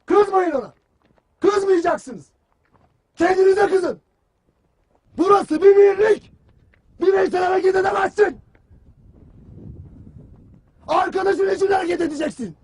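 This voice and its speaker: Harsh drill-hall commander in a film trailer, high-pitched and barking, cold taunting edge. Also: male voice, a little slow, long pauses, darkish tone. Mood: grim lecture. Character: stern hard-bitten army commander drilling his soldiers. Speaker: army commander.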